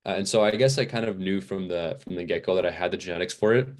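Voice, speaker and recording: A young man with a very low, deep voice, chatting as a podcast guest. He rambles easily with lots of "like" and "uh," a touch worn out from training. Relaxed and unscripted. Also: fast talker. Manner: rambling, many fillers and restarts. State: a little fatigued. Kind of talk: casual interview chat.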